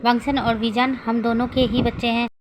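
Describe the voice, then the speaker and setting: Woman doing calm young guy, soothing, high flat voice. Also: fairly quick, background noise, close to an everyday voice. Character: calm young man, patient partner.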